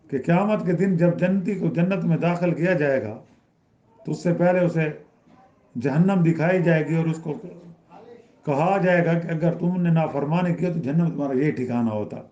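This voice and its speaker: A man's voice: on the high side, pauses often, warm tone. Man teaching a Quran lesson, roomy sound. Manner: explains by repeating and rising in emphasis. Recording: roomy, dull lo-fi recording.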